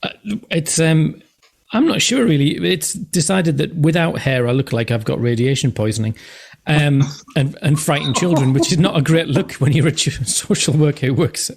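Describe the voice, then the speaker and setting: A man's voice: fairly high pitch, moderate pace, gravelly, slightly rough. A man co-hosting a podcast in casual chat, with dry, self-deprecating humour. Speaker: podcast host.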